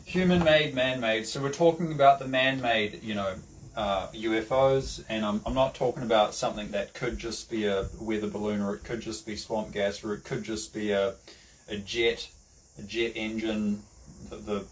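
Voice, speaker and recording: A man's voice: on the low side, fairly even intonation. A man with a New Zealand accent giving a rambling, casual lesson, full of fillers and restarts. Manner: halting, many fillers and restarts. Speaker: online lecturer. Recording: distant mic with faint background noise.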